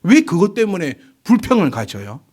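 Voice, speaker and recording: A man's voice: high-pitched, huge pitch swings, moderate pace, a little mellow, slightly rough. A pastor in his forties preaching a sermon, firing rhetorical questions at the congregation. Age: 40s.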